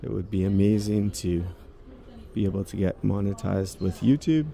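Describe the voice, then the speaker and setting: At normal speed, a man with a fairly low, dark voice and vocal fry offers casual walking-tour commentary. He's vlogging his way through a large indoor department store on a handheld phone, musing chattily to himself.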